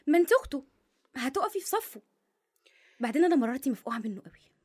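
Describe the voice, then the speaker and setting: Brief: woman voicing dramatic young wife in her 20s, Egyptian accent, complains fast. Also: sits high, very animated. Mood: exasperated. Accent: Egyptian Arabic.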